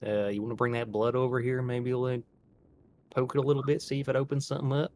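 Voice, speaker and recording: A man's voice: medium pitch, level tone, fast, a little mellow. A man playing a tabletop role-playing game, chatting casually in character. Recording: clear background noise.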